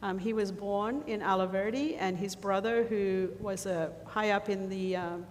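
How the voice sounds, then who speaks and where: A woman's voice: mid-range voice, steady tone, normal speed. A woman presenting a mission trip slideshow to a church congregation, chatty and full of ums, often losing her thread and starting over. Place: church sanctuary. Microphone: handheld or lapel mic. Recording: reverberant church hall, faint noise.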